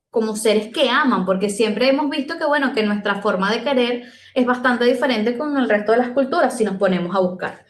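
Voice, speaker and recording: A higher-voiced woman with a Venezuelan Caribbean accent presents an informal lecture. She talks conversationally and thinks aloud, circling back over words. The recording is roomy and echoey. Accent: Venezuelan Caribbean Spanish. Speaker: presenter giving an online talk.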